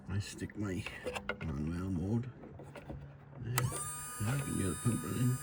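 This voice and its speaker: A man with a lowish voice and vocal fry shows off a homemade gadget he built as a hobbyist, speaking in short, plain, matter-of-fact phrases. The demo is casual and hands-on, moving between a shed and a garden partly outdoors, and the recording is very noisy.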